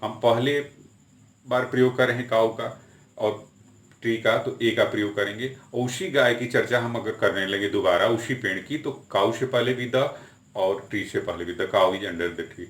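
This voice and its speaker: A man teaching English articles in Hindi, giving English example sentences and saying them slowly and deliberately. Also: medium pitch, roomy sound. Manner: slow, deliberate spelling out of examples. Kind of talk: explaining grammar with Hindi examples.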